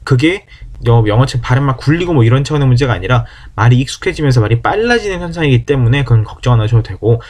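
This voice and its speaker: A man giving an online German lesson, his pitch moving freely over a mid-range voice. He explains at a brisk clip, then says the German words slowly and clearly. He keeps asking his listeners questions. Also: animated, a little mellow. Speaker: German language teacher.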